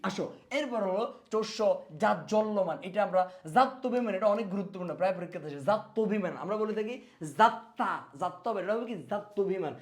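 This is an energetic spelling lesson for exam students, led by a man whose Bangladeshi Bengali accent comes through. His voice is high and quick, and he drills words by repeating them, asking questions and supplying the answers himself.

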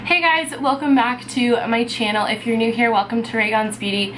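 Over loud music and through low-quality audio, a young woman with a fairly high voice speaks at a moderate pace with fairly even intonation. Sick and congested, she's a beauty vlogger chatting casually to camera from her bedroom, saying "um" and "like" constantly.

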